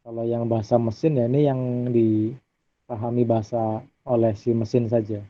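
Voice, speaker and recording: A man giving a relaxed recorded lecture over slides, often tagging his sentences with a questioning "ya". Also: mid-range voice, normal speed, no echo. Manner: relaxed, adds tag "ya" often. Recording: dry, phone-like audio.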